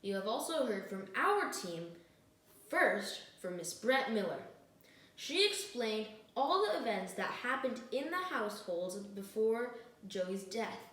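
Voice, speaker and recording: A woman's voice: on the high side, big pitch swings, takes it slowly, fairly bright tone. A woman speaking as a student attorney in a mock trial, giving an earnest, emphatic closing argument. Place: echoey indoor room, recorded from a distance. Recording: very echoey room, distant microphone.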